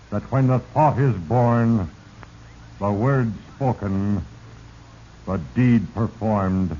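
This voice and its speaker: Fate, a slow, ominous dark narrator. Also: male voice, fairly low pitch. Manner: pompous, ominous, drawn-out deliberate delivery. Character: Fate, sinister solemn narrator who manipulates mortal lives. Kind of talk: 1940s radio drama narration. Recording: muffled, noisy 1940s radio recording.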